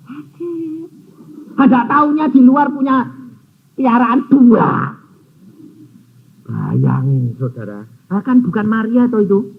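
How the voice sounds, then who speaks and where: A man preaching a storytelling sermon, acting out conversations with sudden high squeals and low murmurs. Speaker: evangelist preacher. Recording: muffled phone-like sound with faint noise.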